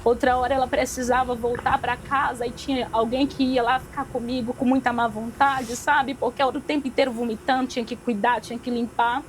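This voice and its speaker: A woman's voice: a little high, level tone, a little fast, few pauses, slight background noise, rough recording. A young woman giving a religious testimony as a podcast guest, repeating phrases for emphasis and acting out the dialogue she recalls.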